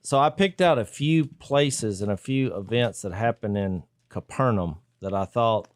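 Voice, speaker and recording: A man co-hosting a casual Bible discussion, thinking aloud and acting out quoted lines with sudden loud jumps. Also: lowish voice, a little slow, no echo, clean studio sound. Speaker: podcast co-host.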